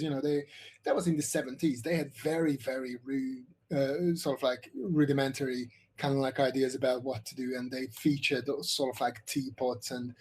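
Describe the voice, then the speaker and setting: A middle-aged man from Hungary talks through an online workshop on visual effects. His voice is husky and mid-pitched, and he rambles with many fillers and restarts. It sounds like a computer mic on a video call. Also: darkish tone.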